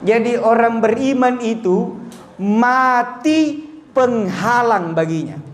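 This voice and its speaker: A man's voice: very high voice, expressive, slow pace. A man preaching a humorous condolence sermon with a Bugis-Makassar accent, joking and quizzing his audience directly. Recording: echoey room with faint background noise.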